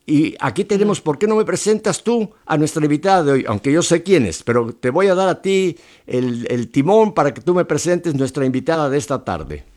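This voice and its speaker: A man's voice: fairly high pitch, expressive, brisk, few pauses, a little mellow. Chatty Mexican-born male radio host. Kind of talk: casual radio chat.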